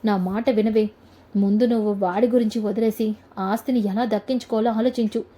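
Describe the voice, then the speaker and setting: A woman's voice: medium pitch, fairly even intonation, fairly quick, dark tone, natural voice. A woman voicing a scheming grandmother who scolds and advises her granddaughter, in a retold family serial. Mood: scolding.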